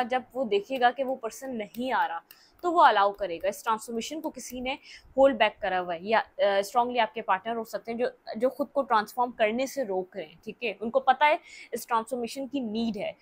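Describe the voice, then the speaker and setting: A woman with a Hindi accent giving a tarot reading, explaining each card in a thinking-aloud way and often pausing on fillers. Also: fairly high pitch. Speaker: tarot reader.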